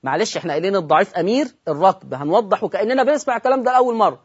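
A man with an Egyptian accent teaching Quran recitation on television, quizzing his listeners, repeating key points and slowing down to recite examples. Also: high-pitched, lively intonation, husky. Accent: Egyptian Arabic. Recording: dull lo-fi broadcast audio.

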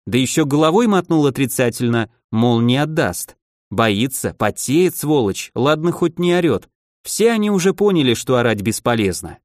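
Male fantasy audiobook reader, wry measured delivery, dry studio sound. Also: on the high side, darkish tone, dry recording. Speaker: audiobook narrator. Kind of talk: scripted fantasy audiobook narration.

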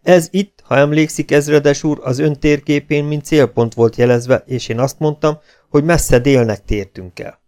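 A man's voice: a little high, fairly even intonation, darkish tone, pitched above the performer's own voice, lightly acted. A man reading an audiobook, voicing a brash, cheerful male legion captain who lectures his comrades bluntly. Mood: matter-of-fact.

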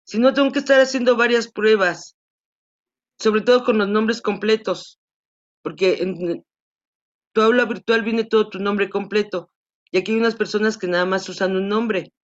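A woman teacher patiently explaining class rules to students during an online class, repeating points to make them clear. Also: mid-range voice, steady tone, normal speed. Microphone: video call. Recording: dull lo-fi video call audio.

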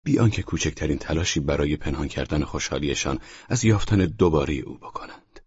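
A man narrating an audiobook in a measured, tense storytelling voice that sometimes drops to a whisper. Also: a bass voice, lively intonation, darkish tone, slightly rough, dry recording, dull audio. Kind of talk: scripted narration.

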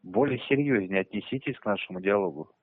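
A man's voice: fairly low pitch, fast talker, husky. A man working as a bank debt collector, speaking in a stiff, insistent, bureaucratic way over a crackly phone line. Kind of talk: formal phone call.

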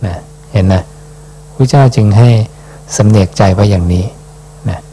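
This lowish-voiced Buddhist monk reads scripture aloud and then explains it in a slow-paced dhamma talk. He tends to end each phrase with a soft questioning particle.

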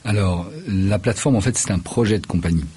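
A man with a very low voice talks through a radio studio interview, halting often and restarting his sentences. His tone is dark and husky, and he pauses a lot as he lays out his work as a choreographer and festival director. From Paris region, France. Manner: hesitant, many fillers and restarts.

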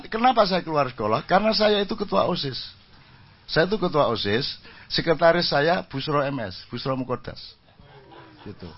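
An older man telling humorous stories to an audience, laughing often and slipping into phrases. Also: on the high side. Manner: jokey, animated, laughs often, mixes in Javanese phrases. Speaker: speaker addressing an audience. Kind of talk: storytelling talk with humor. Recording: dull lo-fi recording.

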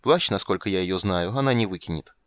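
A man voicing a flustered but charming male bard, talking loudly and breezily. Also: low voice, brisk, no room sound, clean studio sound. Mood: breezy.

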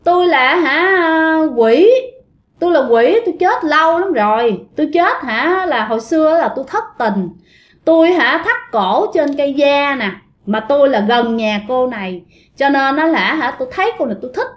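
A childish, defiant male ghost who refuses to give up the girl he loves, as a woman storyteller puts him on. He speaks, pitched noticeably high and pushed loud. The teasing never leaves his voice. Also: animated, normal speed. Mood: teasing stubborn. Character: playful lovesick young male ghost, stubborn.

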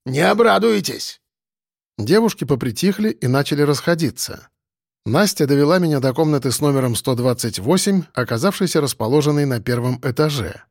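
A man narrating a first-person audiobook in a wry, lively way. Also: mid-range voice, brisk, no echo, clean studio sound.

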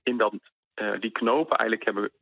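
A man's voice: fairly low pitch, a little fast, vocal fry, no echo. A man interviewed over the phone as a university researcher, explaining in a hesitant way with many fillers. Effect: phone line. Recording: tinny phone line, dry.

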